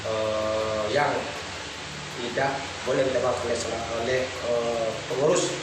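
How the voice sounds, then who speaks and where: A man hosts a night ghost-hunting vlog, addressing viewers haltingly as he searches for words. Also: mid-range voice, steady tone, distant mic. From West Sumatra, Indonesia. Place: on location at a campus at night. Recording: very echoey, clearly noisy location sound.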